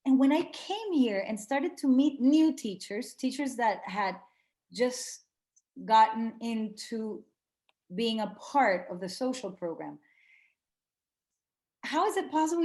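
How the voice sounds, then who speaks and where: A woman from Venezuela, a music educator, speaking earnestly at a panel talk with frequent fillers. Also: high-pitched. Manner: earnest, animated, many "you know" fillers.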